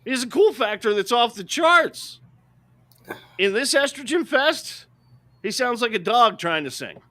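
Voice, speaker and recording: His very high voice is extremely animated, pushed and bright, though his pace stays measured. The middle-aged man co-hosts a podcast, delivering opinionated, emphatic movie rants and often asking "right?".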